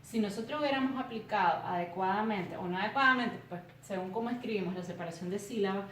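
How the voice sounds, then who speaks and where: A woman's voice: medium pitch, a bit bright, a little hiss or hum. Woman, teacher, careful tutorial explanation, distant mic, echoey room. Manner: slow, careful explanation, spelling out syllables. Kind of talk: recorded tutorial lesson.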